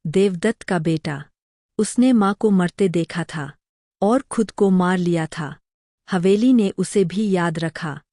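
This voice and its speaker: A woman's voice: lowish voice, takes it slowly, warm tone, dry recording, studio quality. Woman reading a haunted young ghost boy. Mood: eerie. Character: haunted teenage boy, ghost of a dead son.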